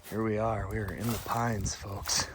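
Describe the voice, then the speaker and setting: A man vlogging casually outdoors in a pine forest beside his truck, excitable and often slipping into an eager whisper. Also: fairly low pitch, normal speed. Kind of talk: casual camping vlog to camera. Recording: loud outdoor noise, clicks.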